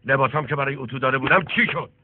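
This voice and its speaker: An actor dubbing a bossy middle-aged guest who barks orders at servants. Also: male voice, mid-range voice, breathy edge, no echo, natural voice. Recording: tinny phone-like film dub with faint music.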